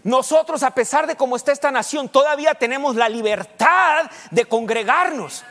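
A man preaching a sermon as pastor, quizzing the congregation and rushing through bursts of speech. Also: very high-pitched, a bit bright, long reverb tail. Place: church sanctuary.

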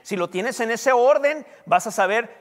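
High-voiced male pastor in an echoing hall. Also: expressive, moderate pace. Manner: teaching with call-and-response questions to the congregation. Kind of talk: sermon. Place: church hall. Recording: long hall reverb.

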